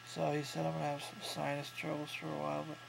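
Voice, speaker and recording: Recovering from jaw surgery, this vlogger in his thirties sounds stuffed up and thick-mouthed, unable to breathe through his nose. His delivery is completely flat, heavy with vocal fry and almost no pitch change, as he speaks in a halting, plain video-diary manner. Hum and noise clearly fill the home recording.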